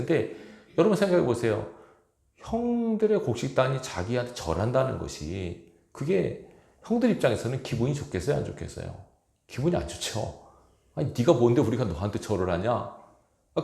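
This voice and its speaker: A man's voice: mid-range voice, vocal fry, darkish tone, reverberant. A male pastor preaching a storytelling sermon in a church, acting out the characters' quoted words. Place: church sanctuary.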